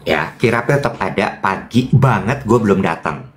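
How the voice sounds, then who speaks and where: Seorang pria mengobrol santai dan bergosip sebagai pembawa acara, bercerita dengan hidup dan menirukan orang dengan suara melengking. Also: male voice, normal speed. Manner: animated storytelling, shrill voices for quoted people. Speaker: co-host. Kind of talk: casual gossipy chat.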